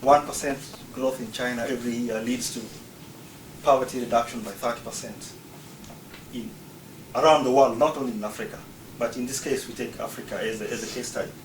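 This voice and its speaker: A Ugandan man, steady in tone and a little quick, lays out a prepared argument point by point in an explanatory way. Recorded from a distance, his middle-pitched voice carries a noticeable room echo over a faint hum of ambience.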